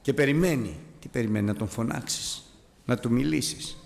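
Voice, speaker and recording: A man preaching a sermon, animated, climbing to high exclamations and dropping low as he tells a story. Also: creaky, big-room sound.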